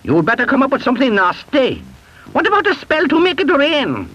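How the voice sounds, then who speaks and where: A man's voice: extremely high pitch, huge pitch swings, brisk, sharp tone, voice pushed up, exaggerated voice. A man voicing a spiteful female witch who screeches and gloats while chanting rhyming spells. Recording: dull lo-fi recording with music.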